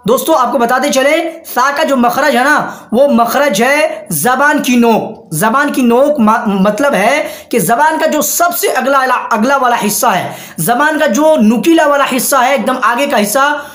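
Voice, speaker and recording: A man teaching Arabic letter pronunciation in an online lesson, patient and repetitive, drawing out each letter sound slowly. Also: very high-pitched, fairly bright tone, echoey room.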